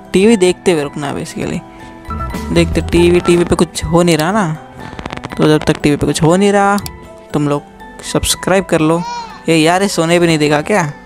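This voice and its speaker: A young man gives casual, joking commentary while playing a horror game, teasing the game and talking straight to his viewers. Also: a little high. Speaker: gaming youtuber.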